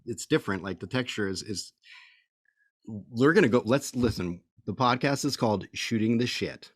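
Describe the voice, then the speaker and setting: A man's voice: fairly low pitch, lively intonation, moderate pace, no echo, studio quality. A man in his forties co-hosting a casual podcast over a video call, rambling and joking about himself and laughing often. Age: 40s. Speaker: podcast co-host. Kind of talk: casual chat.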